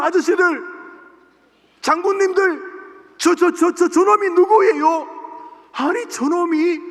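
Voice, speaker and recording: A male pastor voicing an outraged young shepherd boy who shouts and stammers in indignation, close to tears. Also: extremely high pitch, big-room sound, pitched above the performer's own voice.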